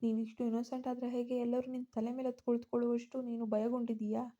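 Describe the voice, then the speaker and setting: A short-fused, protective young man, put on by a woman narrator in a storybook reading. He scolds in rapid, forceful bursts. The voice stays mellow and fairly level in pitch. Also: flat delivery, lo-fi sound. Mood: scolding. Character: young man, hot-tempered protective cousin.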